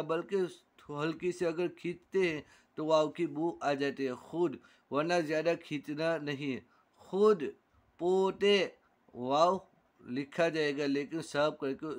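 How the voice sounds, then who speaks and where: A man teaching Urdu reading. He says each word slowly and twice, then explains how it is read. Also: fairly high pitch. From India. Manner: slow, deliberate, repeats each word twice. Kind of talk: reading lesson.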